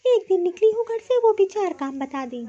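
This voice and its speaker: A woman's voice: very high voice, big pitch swings, normal speed, dark tone, muffled recording. A woman voicing a sulky, short-tempered young daughter-in-law in a cartoon, talking in an irritable, complaining way. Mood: irritated. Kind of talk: cartoon voice acting.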